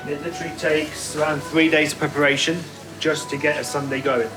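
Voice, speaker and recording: A man's voice: fairly high pitch, flat delivery, a little fast. A man explaining things casually in an interview, recorded in a roomy space. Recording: roomy echo. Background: music.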